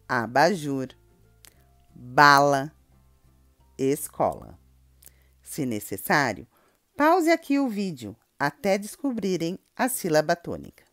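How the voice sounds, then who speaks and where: A Brazilian woman teaching a children's grammar lesson, calling out example words in a drawn-out, sing-song voice. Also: sits low, no echo, clean studio sound. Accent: Brazilian Portuguese.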